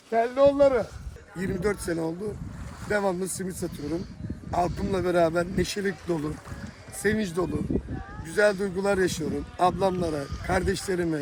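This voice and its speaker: High-voiced joking Thracian street vendor. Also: male voice. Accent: Thracian Turkish dialect. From Thrace, Turkey. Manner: joking, teasing sing-song sales calls. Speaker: beach simit vendor. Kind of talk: street hawking and short interview. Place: outdoors on a beach. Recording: outdoor wind noise on the mic.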